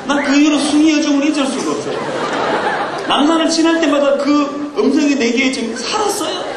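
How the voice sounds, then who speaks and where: A man's voice: very high voice, lively intonation, brisk. A male pastor preaching to young people at a retreat, playful and teasing, telling a comic story and drawing the crowd in. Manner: playful, teasing, talks with the audience. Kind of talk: comic youth sermon storytelling. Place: large hall at a youth retreat. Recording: echoey hall with crowd noise, old recording. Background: audience laughter.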